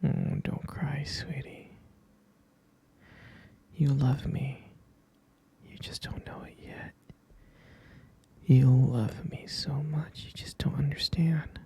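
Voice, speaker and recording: Man doing a possessive captor boyfriend, breathy whisper, very husky, slow, coaxing and menacingly sweet. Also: medium pitch, steady tone, dark tone, heavily acted. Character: possessive obsessive young man keeping his lover caged. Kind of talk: whispered ASMR roleplay.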